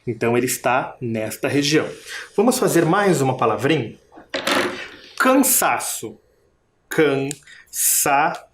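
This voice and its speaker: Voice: medium pitch, lively intonation, fairly quick, slight background noise. A primary school teacher giving a recorded video lesson, patiently stretching words out and sounding out each syllable while asking the children questions. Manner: patient, asks the class questions.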